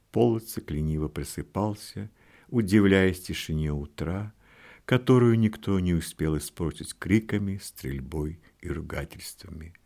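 Deep-voiced male audiobook narrator. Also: vocal fry, a little mellow. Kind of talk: scripted narration.

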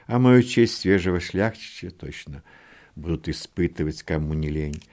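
A man voicing a learned adult scholar, soft-spoken and ironic, in an audiobook. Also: deep voice, expressive, normal speed. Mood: wry.

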